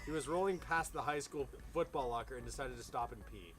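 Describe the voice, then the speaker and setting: With music playing in the background, a man hosting a fan fiction reading sits outdoors by a fire and reads a story casually. He trips over words and drifts into profane, informal asides in a medium-pitched voice at a slightly fast pace.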